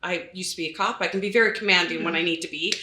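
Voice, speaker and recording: A woman real estate agent telling a story in a panel chat, animated and acting out her own quotes. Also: lowish voice, very fast. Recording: roomy echo.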